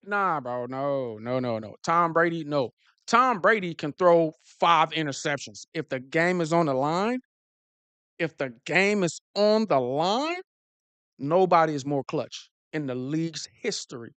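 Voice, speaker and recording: Animated man chatting on a live stream. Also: on the high side, measured pace, smooth, dry recording. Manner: animated, repeats himself, slangy. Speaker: football streamer host. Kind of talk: casual live-stream chat.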